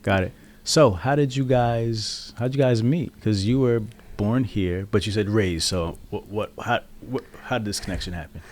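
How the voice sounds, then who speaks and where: A man's voice: fairly low pitch, moderate pace, hardly any pauses, darkish tone. Upbeat man hosting a chat show. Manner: upbeat, hype-style address to fans. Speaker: podcast host. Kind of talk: casual interview chat.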